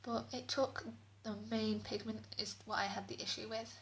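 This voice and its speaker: The speaker is a British woman doing a casual product review as a beauty vlogger, her fairly high-pitched voice steady and at a moderate pace. Recorded indoors in a bathroom, it has an echoey sound, and background noise is clearly present.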